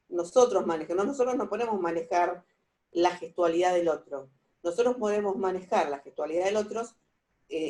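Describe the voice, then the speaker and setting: Argentine woman lecturing, halting, mellow voice. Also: on the low side. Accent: Argentine Spanish. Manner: halting, many fillers and checks with the audience. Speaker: forensic psychologist lecturer. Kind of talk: lecture over video call. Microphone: video call.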